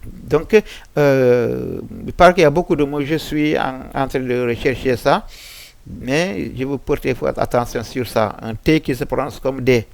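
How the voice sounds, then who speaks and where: A man teaching English pronunciation in French, slowly repeating example words with frequent hesitations and a West African French accent. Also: medium pitch, gravelly, a little mellow, no room sound. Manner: slow, repeating example words many times. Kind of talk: French-language pronunciation lesson on English sounds.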